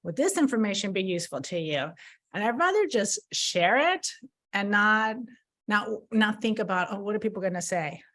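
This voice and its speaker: During a frank conversational interview on a podcast, a woman in her fifties reflects on her past mistakes with lively intonation at a normal speed. Her mid-range voice is a bit bright, and she keeps repeating words as she restarts her thoughts.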